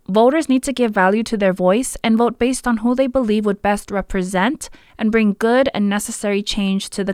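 Casting: female podcast host, clear resonant voice, scripted read in a dry recording. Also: medium pitch, no room sound. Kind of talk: scripted narration.

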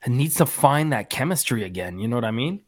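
Animated male podcast host. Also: mid-range voice, brisk. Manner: animated, hedging. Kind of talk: casual sports chat.

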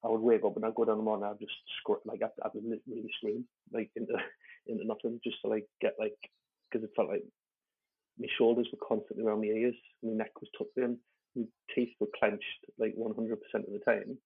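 A man rattles through a candid, rambling story, his husky, gravelly voice staying flat in pitch. He swears freely and restarts his sentences often. The audio is lo-fi and thin, like a phone line. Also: a little fast. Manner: rambling, with frequent fillers and restarts; swears freely and laughs while talking. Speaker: stand-up comedian guest.

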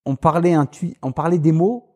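Interviewee, man, Tunisian family, grew up in France; hesitant, restarts, somewhat high, dark tone. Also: normal speed. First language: Tunisian Arabic. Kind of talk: casual conversation.

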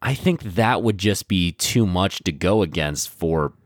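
A man's voice: sits low, expressive, unhurried, no room sound, studio quality. A man co-hosting a podcast in casual chat, rambling with many fillers and restarts, on a podcast mic. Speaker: podcast co-host. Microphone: podcast microphone.

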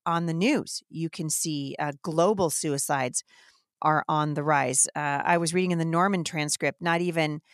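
Indignant low-voiced woman host. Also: fairly even intonation, dry recording, clean studio sound. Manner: indignant, emphatic, fast-flowing. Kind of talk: impassioned devotional talk.

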